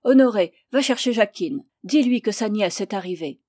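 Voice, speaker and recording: A reserved, awkward young gentleman who speaks in brief, plain phrases, as a woman reader voices him. Her tone is mellow and the recording is dry. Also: mid-range voice, lively intonation, moderate pace, no echo, natural voice. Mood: curt. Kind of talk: audiobook character voice.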